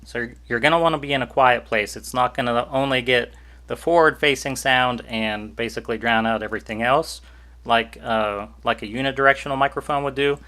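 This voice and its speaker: An easygoing man talks through a gadget review in a chatty, joking way. His voice is bright and sits at a middle pitch. He records at home straight into a cheap USB desk microphone. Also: a little fast. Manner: chatty, easygoing, jokey asides. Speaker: YouTuber reviewing gear. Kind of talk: casual product review vlog.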